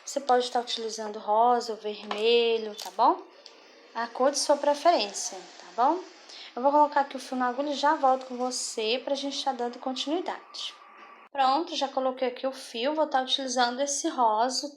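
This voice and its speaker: A woman with a slightly high voice teaches a craft step by step. She talks patiently and keeps checking in with the viewer as she goes. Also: moderate pace, slight background noise. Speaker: craft instructor.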